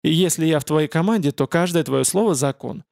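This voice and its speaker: A man reading an audiobook, voicing a flippant young female demon who talks quick and pleading. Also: fairly high pitch, gravelly, darkish tone, no room sound, studio quality. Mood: eager.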